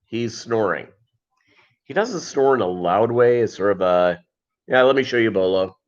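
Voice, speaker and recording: Here the fishkeeping livestream host sounds lowish and animated, talking at a moderate pace over dull audio. He meanders through a casual chat, reading viewers' comments and replying to each.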